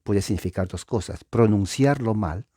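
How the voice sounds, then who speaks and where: A man's voice: lowish voice, normal speed, warm tone, slightly rough, dry recording, studio quality. A man teaching a Bible study, explaining word meanings and often checking that listeners understand.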